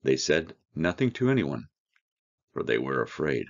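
Very deep gravelly-voiced male Bible teacher. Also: big pitch swings, lo-fi sound. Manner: reads scripture then explains it, slow earnest emphasis. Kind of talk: verse-by-verse Bible study.

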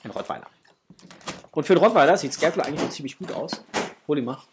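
Heavy background noise surrounds a middle-aged toy collector vlogger who talks fast, his fairly high-pitched voice full of lively intonation. Hosting a casual unboxing in a small home room with framed posters, he addresses viewers enthusiastically with plenty of superlatives.

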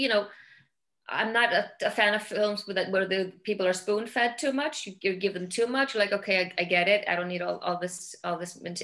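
A middle-aged film director from Iceland, speaking with an Icelandic accent, talks casually over a video call in a home room with large windows. Her medium-pitched voice has a fairly bright tone. She is reflective, repeating words as she looks for the right ones.

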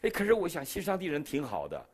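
A middle-aged Chinese man with a Beijing accent speaks fast with a breathy edge, sharing his testimony as a preacher during a sermon. He's an animated storyteller, jumping in pitch and loudness as he acts out the dialogue.

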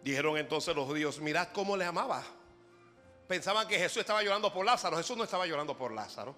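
A man preaching a sermon as pastor, moving from hushed prayer to shouted exhortation. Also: on the high side, lively intonation, quick pace, faint music behind.

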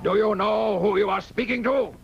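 Suspicious palace schemer, oily and raspy, muffled old track. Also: male voice, high voice, moderate pace. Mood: scheming. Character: scheming male court adviser, suspicious and sly. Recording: dull old cartoon soundtrack with loud music.

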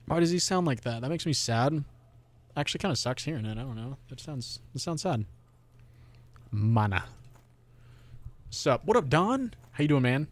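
A man's voice: mid-range voice, very animated, moderate pace, pauses often. A rambling, cursing young man streaming a game. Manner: profane, rambling, talks to himself and the game. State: sore throat. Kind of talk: casual live gameplay commentary.

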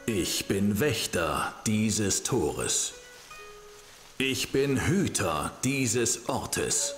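An actor playing an ancient blind fox spirit in a video game, a stern gatekeeper speaking in a solemn, archaic, imperious manner. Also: male voice, lowish voice, lively intonation, very slow. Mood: stern, commanding. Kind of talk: video game character acting. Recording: reverberant echoey hall, music underneath.

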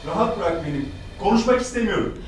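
A man's voice: high voice, animated, quick pace, echoey room, far from the mic, loud music behind the voice, low-quality recording. A young man acting a bitter, wounded, withdrawn character in a TV soap opera, curt and agitated. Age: young adult.

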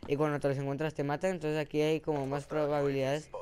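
A man with a put-on Spain Spanish accent, giving excitable, self-mocking live commentary over his own gameplay. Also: fairly high pitch, fast, slight background noise. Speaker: gaming channel host.

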